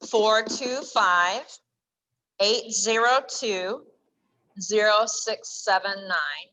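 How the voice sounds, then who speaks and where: A woman making chatty club meeting announcements and reading numbers out slowly. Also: medium pitch, pushed and bright, low-quality recording. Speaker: meeting organizer.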